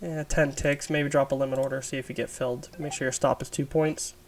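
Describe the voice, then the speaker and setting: A man with a raspy, under-the-weather voice gives an informal, explanatory chart review as an instructor, thinking aloud as he goes. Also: mid-range voice, flat delivery, a little fast. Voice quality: raspy, smoker's-rasp sound. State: sick, raspy voice. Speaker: trading instructor.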